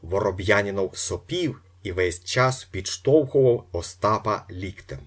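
Deep, husky-voiced male narrator. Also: measured pace. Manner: expressive storytelling. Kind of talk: audiobook narration.

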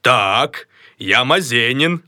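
A vain, self-important middle-aged fellow from a stage comedy, as a man reads him aloud, grandly trying out one greeting voice after another. He speaks slowly, his pitch leaping high and low in a bright, forceful tone over a dry, close sound. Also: animated, no room sound, heavily acted. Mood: pompous. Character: pompous middle-aged man rehearsing a grand new name.

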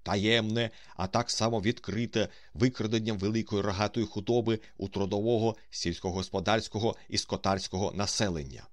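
A bashful, hopeful driver, as a man with a deep voice puts him on, answering timidly and matter-of-factly. The recording is dry and close. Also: steady tone, brisk, few pauses, no echo, lightly acted. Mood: shy. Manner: shy, matter-of-fact. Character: shy, hopeful male driver, adult.

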